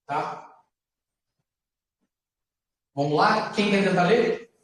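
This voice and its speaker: A man with a fairly high voice teaches a class in an unhurried way. He keeps going back over letters and words so that his students can follow. He is recorded from across an echoey classroom. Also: distant mic. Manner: patient, repeats words slowly for students. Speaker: Hebrew teacher. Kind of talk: classroom lesson.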